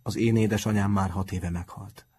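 A man voicing a stern but kind middle-aged male schoolteacher, gruff and loud when he exclaims. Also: on the low side, steady tone. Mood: gruff kindly.

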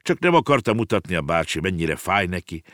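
Man narrating a storybook, deep voice, very lively intonation, expressive, dry close recording. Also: no echo. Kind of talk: storybook reading.

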